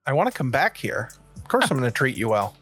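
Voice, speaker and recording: A man playing his character in a tabletop game, describing actions and speaking in character in a relaxed, halting way. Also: mid-range voice, breathy edge, faint music behind. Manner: relaxed, halting with restarts and asides. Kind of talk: casual chat, role-playing his character.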